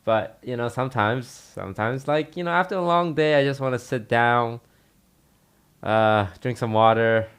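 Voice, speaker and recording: A young man on a podcast telling a story in a relaxed, rambling way, full of fillers. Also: medium pitch, normal speed, smooth. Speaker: podcast co-host. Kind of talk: casual storytelling.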